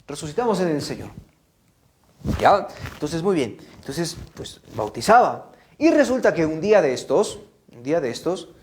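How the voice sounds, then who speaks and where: A man with a Peruvian Spanish accent gives a children's religious lesson in an animated storytelling way, often adding "¿no?" and restarting his words. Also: sits high. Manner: animated storytelling, frequent "¿no?" and "¿ah?" tags. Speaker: catechist. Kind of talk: children's catechesis talk.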